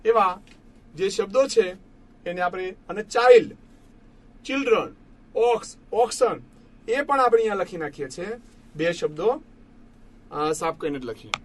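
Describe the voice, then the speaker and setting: High-voiced man teaching a patient lesson. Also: animated, a little hiss or hum. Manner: patient, repeats each word slowly for students; addresses listeners as friends. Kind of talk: classroom lesson explaining English grammar.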